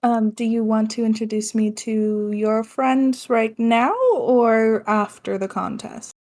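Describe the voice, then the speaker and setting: Higher-voiced, uncertain woman player. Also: level tone, takes it slowly, a little mellow. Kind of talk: playing a tabletop game in character.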